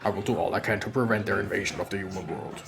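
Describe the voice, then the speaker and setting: A streamer voicing Omnimon, a grave armored knight guardian, in a forced, strained deep voice with a formal, measured way of explaining. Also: fairly even intonation, over music. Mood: solemn. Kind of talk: game dialogue read aloud.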